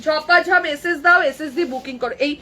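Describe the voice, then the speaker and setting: A woman running a live clothing sale, briskly calling out prices over and over and chatting with helpers and viewers through an earbud mic. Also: high-pitched, sharp tone. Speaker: boutique owner selling clothes live. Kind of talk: live sales patter.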